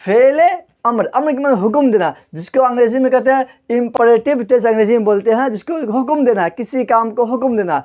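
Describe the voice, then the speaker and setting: This Urdu teacher's voice is very high and darkish, he barely pauses, and the sound is lo-fi. Teaching grammar at a board, he keeps asking the class questions, answers them himself, and spells words out letter by letter.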